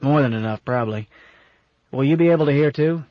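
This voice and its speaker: A man reading an audiobook voices a gruff, bossy old captain who speaks in a folksy but fond way. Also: mid-range voice, brisk, dry recording, lightly acted. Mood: stern, folksy. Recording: dull lo-fi audiobook recording.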